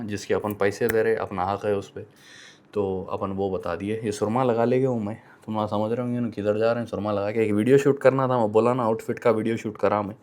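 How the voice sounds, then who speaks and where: A young man from Hyderabad with a Hyderabadi accent, chatting casually in his vlog and switching freely between Hindi and English. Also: on the low side. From Hyderabad, India. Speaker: vlogger.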